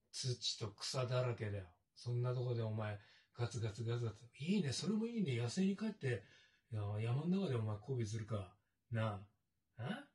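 A man's voice: medium pitch, darkish tone, distant mic, lightly acted. A man acting as a cruel, taunting male captor in an adult audio drama, with a coarse, sneering way of talking.

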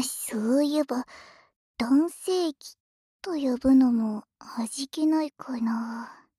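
A woman voicing a teasing young wife who uses magic, speaking in a soft, close whisper in an ASMR roleplay. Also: high voice, slightly rough, dry recording, heavily acted.

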